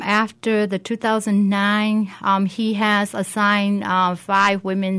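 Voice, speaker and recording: A woman's voice: medium pitch, a bit bright, clean tone. A woman guest, a community coordinator, giving an explanatory answer in an interview.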